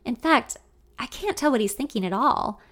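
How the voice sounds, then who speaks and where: Young woman, expressive first-person narrator, slightly high voice. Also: moderate pace. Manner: intimate, expressive.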